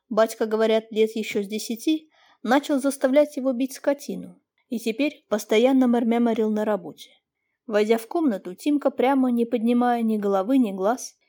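A woman reading classic prose as an audiobook narrator, in an even, measured way. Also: fairly high pitch.

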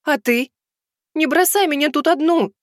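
A man voicing a frightened young woman who begs not to be left behind, in a pleading falsetto. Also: moderate pace, no echo, studio quality. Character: frightened young woman clinging to her protector.

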